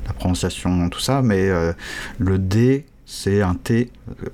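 Halting man teaching a casual language lesson. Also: sits low, a little mellow, slight background noise. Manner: hesitant, halting, with many restarts and casual slang.

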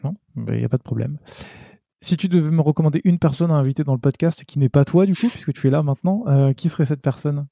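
A man hosting a casual interview podcast, relaxed and a little halting in his speech. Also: fairly high pitch, gravelly, no echo, clean studio sound. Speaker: podcast host.

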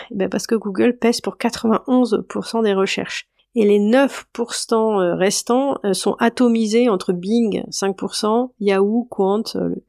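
A woman business coach over forty hosts her podcast in a casual, explanatory way. She speaks straight to the listener, with plenty of fillers and a slightly gravelly texture. The sound is close and dry, with no room around it. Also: mid-range voice, a little mellow, no echo. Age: 40s or older. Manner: chatty, direct, many fillers, addresses listener as tu.

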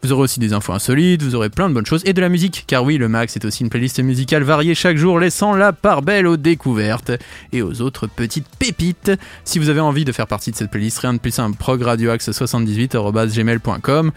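A man's voice: medium pitch, fast, no echo. Male radio host, diction impaired after wisdom teeth. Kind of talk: upbeat magazine show presenting.

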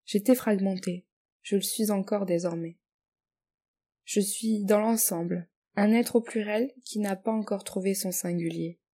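A woman's voice: mid-range voice, fairly even intonation, a little slow, dark tone. A woman in her twenties from France, reading her own reflective text and then speaking as a guest with hesitant restarts. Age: 20s. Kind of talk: reading own poetic text, then casual interview talk.

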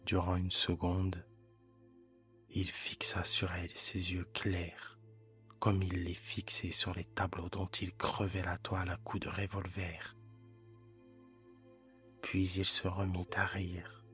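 A man reading a classic short story aloud as a calm, hushed bedtime narration. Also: low-pitched, faint music behind. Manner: calm, hushed, measured delivery. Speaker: audiobook narrator.

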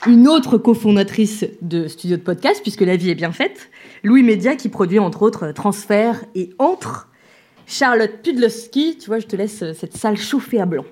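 A woman's voice: medium pitch, expressive, normal speed, a little mellow. A woman hosting a live event on stage, introducing jury members and guests in a chatty, self-deprecating way with many fillers. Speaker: event host. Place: event stage before an audience.

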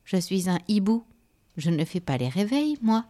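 A woman voicing a gentle male owl in a children's storybook, calm and matter-of-fact. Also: mid-range voice, normal speed, a little hiss or hum, natural voice.

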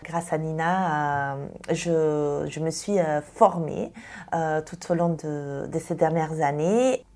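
A woman in her thirties from Italy, a dog trainer answering interview questions thoughtfully with many pauses and fillers. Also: deep voice, a little mellow. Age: 30s.

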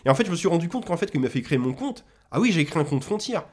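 A man in casual podcast chat, ranting in an animated way and swearing freely. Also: on the high side, racing. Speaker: podcast co-host.

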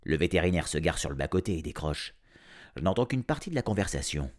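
A man reading an audiobook aloud, narrating as a grumpy cat in a sardonic, animated first-person voice. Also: low voice, quick pace. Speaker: storyteller.

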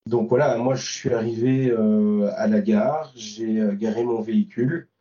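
A man from Belgium, a volunteer driver, recalls a trip during an interview in a fairly low, steady, mellow voice, speaking a little slowly. He hesitates, restarts and uses many fillers. The recording is lo-fi, distant, roomy and dull.

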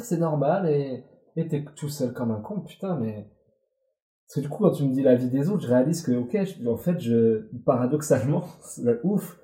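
A man's voice: fairly high pitch, warm tone. A man in his forties, a former athlete, speaking candidly and bluntly as an interview guest, often swearing. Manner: emotional, blunt, swears freely. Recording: roomy echo.

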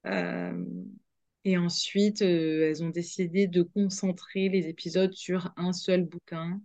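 Hesitant young woman guest, low voice, mellow tone, dry muffled audio. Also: fairly even intonation, takes it slowly, dry recording. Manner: hesitant, many fillers and restarts. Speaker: radio journalist guest. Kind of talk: casual podcast interview.

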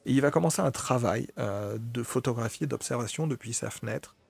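A man's voice: medium pitch, fairly quick, vocal fry, husky. A man giving an informal spoken talk on photography, hesitant, with many fillers, restarts and apologies. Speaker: photography presenter.

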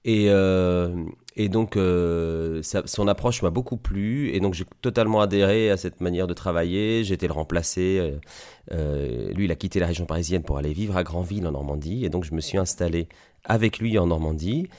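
A man's voice: low-pitched, normal speed, mellow. A man in his forties from Belgium, an osteopath telling his story as an interview guest, hesitant with many fillers and restarts. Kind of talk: conversational interview.

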